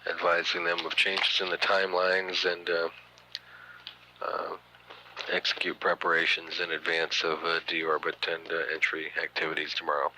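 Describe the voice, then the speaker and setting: A man giving matter-of-fact mission control status commentary, halting often with uhs and pauses, on an archival radio feed. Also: low-pitched, monotone, pushed and bright, slight background noise, poor audio. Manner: halting, hesitant delivery with frequent uhs and pauses. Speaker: mission control announcer, public affairs commentator. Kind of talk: spaceflight status commentary, partly improvised.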